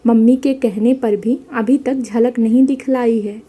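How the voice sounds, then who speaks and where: A woman's voice: on the high side, steady tone, unhurried, warm tone, husky. A woman voicing a chatty, modern sister-in-law who speaks in a bubbly way.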